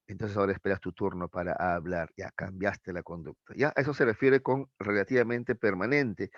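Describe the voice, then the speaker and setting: A man's voice: lowish voice, no echo. Male teacher, patient explainer, constant check-ins, dull dry recording. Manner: explains with examples, keeps checking with a tag question. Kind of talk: live online class lecture. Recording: dull, muffled dry sound.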